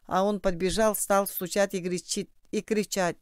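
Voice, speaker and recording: A woman voicing a timid man who answers questions quietly and hesitantly. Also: medium pitch, fairly even intonation, normal speed, no room sound, studio quality, natural voice. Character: man questioned about seeing monkeys, timid.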